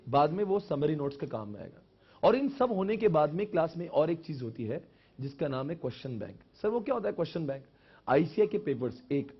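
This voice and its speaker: Guy lecturing a class, highish husky voice, mixes hindi and english, dull lo-fi classroom sound. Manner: mixes Hindi and English, asks the class questions and answers them himself. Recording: muffled lo-fi classroom recording.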